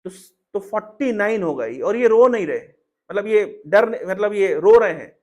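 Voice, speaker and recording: High-voiced, emphatic male preacher. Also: expressive, moderate pace, a little mellow, muffled recording. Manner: emphatic, repetitive, rhetorical questions. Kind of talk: devotional storytelling sermon.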